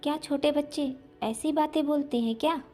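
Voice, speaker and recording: A woman voicing a sharp-tongued older mother-in-law who scolds her daughter-in-law, in a spoken storybook. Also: high-pitched, moderate pace, faint music behind, close to an everyday voice. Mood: scolding. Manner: scolding, indignant.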